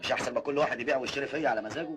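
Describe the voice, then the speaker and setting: Fast-talking Egyptian joker, an actor playing him. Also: male voice, mid-range voice, natural voice. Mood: joking. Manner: animated comic storytelling, laughs at own jokes. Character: boastful joker young man, loves to clown. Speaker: joking friend telling a story.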